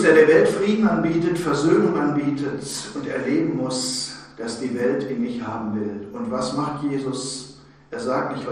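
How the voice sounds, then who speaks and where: A man's voice: medium pitch, a little mellow. A man preaching a sermon, telling a story and then speaking directly and earnestly to his listeners. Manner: earnest, addresses listeners directly with informal you; storytelling with slow emphatic phrases. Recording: very echoey, distant mic in large room.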